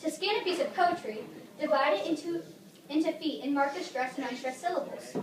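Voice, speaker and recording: A woman's voice: high voice, a little fast, natural voice. A teenage girl playing a chatty, self-doubting retired male poet and professor who explains things like a teacher. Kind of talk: amateur talk-show skit. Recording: echoey room, distant mic, faint noise.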